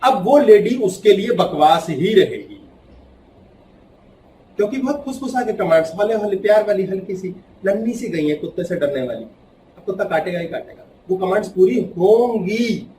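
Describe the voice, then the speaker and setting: A man giving a spiritual talk to a live audience, animated and acting out quoted voices with sudden swings between loud and hushed delivery. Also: sits high, normal speed, far from the mic, a little hiss or hum. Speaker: spiritual speaker. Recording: echoey room, voice from off-mic.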